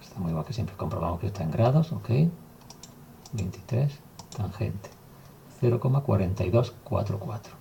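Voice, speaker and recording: Low gravelly male teacher. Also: normal speed, a little hiss or hum. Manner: calm, step-by-step explaining while writing. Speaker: math teacher. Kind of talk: recorded math lesson.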